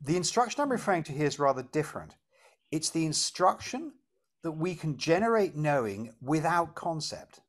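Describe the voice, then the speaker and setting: A man, teaching and explaining a meditation exercise in an animated way, laughing at his own examples. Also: a little high, moderate pace.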